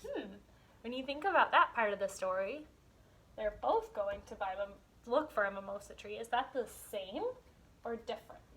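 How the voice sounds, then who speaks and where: The audio quality is poor as a woman with a fairly high, expressive voice teaches kindergarten through a read-aloud lesson. She explains things to the young children, asks them questions, and waits for their replies.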